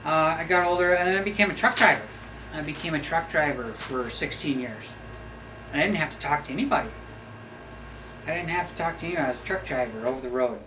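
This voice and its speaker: A man's voice: on the high side, quick pace. A middle-aged man from the United States hosting a video, talking in a casual, rambling monologue full of wandering, jokey asides. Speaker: video host. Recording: steady background noise.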